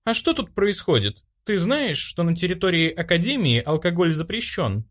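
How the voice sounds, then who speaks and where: A man putting on a shrill scolding young woman. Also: sing-song, normal speed, a bit bright, heavily acted. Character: strict indignant young woman, committee chair.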